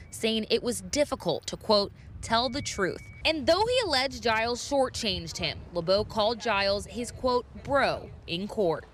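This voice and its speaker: A woman's voice: on the high side, a bit bright, slight background noise. An American woman reading a scripted news package as a television reporter.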